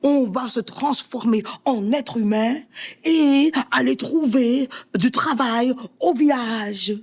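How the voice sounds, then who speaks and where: A woman's voice: fairly high pitch, slow, darkish tone, voice pushed up. A woman voicing a loving male donkey in a folk tale, plaintive and pleading. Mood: worried.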